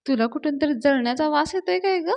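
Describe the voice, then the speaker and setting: A boastful old village father-in-law who needles everyone with a sing-song tease, put on by a woman retelling a serial. He pitches up higher than her normal voice and stays lively. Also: fast, gravelly. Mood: teasing.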